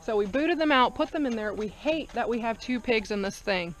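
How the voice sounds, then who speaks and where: A woman's voice: on the high side, fairly quick. A mother and homesteader telling a long story to camera outdoors, rambling and correcting herself as she goes. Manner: rambling, animated, self-correcting. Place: outdoors on a rural farm. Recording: noisy outdoor farm recording.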